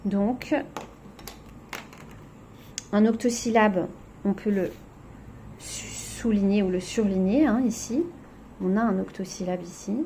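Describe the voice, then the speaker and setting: A woman teacher works through a poetry exercise step by step in a recorded lesson, often saying "donc" and "hein." Her medium-pitched, dark-toned voice moves slowly with long pauses, over slight background noise.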